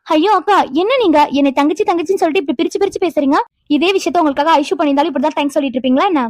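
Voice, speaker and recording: A woman with a high, natural voice speaks very fast in a clean studio recording with no echo. In animated cartoon dialogue, she voices a caring young woman who reassures and questions the older sister figure. She sounds reassuring, curious and lively.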